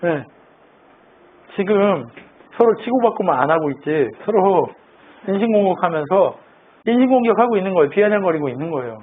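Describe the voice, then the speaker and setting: A man's voice: high-pitched, expressive, brisk, pauses often, slightly rough. A male pastor preaching in a chatty, teasing way, often putting questions to his congregation. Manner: conversational, quizzes the congregation, teasing and playful. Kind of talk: sermon. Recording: tinny phone-like band, faint noise.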